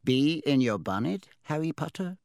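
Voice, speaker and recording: A man's voice: fairly high pitch, very animated, moderate pace, gravelly, darkish tone, no room sound, voice pushed up. A man reading a storybook aloud, voicing a magic talking hat that speaks smartly and knowingly. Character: small-voiced sharp old magic hat.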